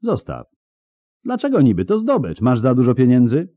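Fierce young woman fighter as a man reads her, brash, scolding, loud. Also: mid-range voice, wildly swooping pitch, dry recording, pitched above the performer's own voice. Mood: mocking. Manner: brash, scolding, quick retorts.

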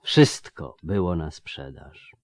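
A man voicing a quiet, bitter male elf. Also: extremely low pitch, slow, vocal fry, no echo, studio quality, heavily acted.

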